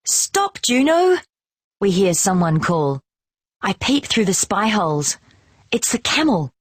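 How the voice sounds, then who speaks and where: Storybook narrator: a woman with a low, husky voice and lively intonation, dry close mic. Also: no echo. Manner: slow, expressive, clearly paced delivery. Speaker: storybook reader. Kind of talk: children's storybook reading.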